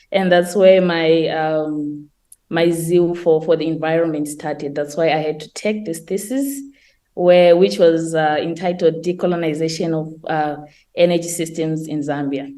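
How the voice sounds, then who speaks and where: A woman's voice: fairly low pitch, mellow. A young woman from Zimbabwe giving a conference talk on her master's research, explaining step by step with some fillers and restarts. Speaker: presenter of her master's thesis. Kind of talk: conference presentation.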